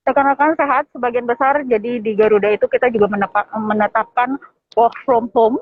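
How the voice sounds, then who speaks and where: A woman's voice: on the high side, steady tone, brisk, slight background noise. A woman from Lombok, Indonesia, chatting casually as an interview guest while speaking through a face mask. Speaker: airline general manager, guest. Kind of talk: casual live interview chat. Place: at an airport. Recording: thin phone-like internet call audio.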